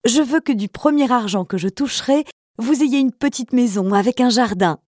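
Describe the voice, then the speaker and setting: A woman voicing an elderly, poor and gentle father who talks softly and humbly. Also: on the high side, moderate pace, no echo, studio quality, natural voice.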